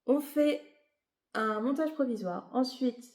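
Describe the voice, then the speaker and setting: Her voice sits high and dark-ish, moving slowly through a reverberant space. Congested and a bit weary, this knitting vlogger casually talks viewers through her knitting, rambling, self-correcting, and leaning on filler words.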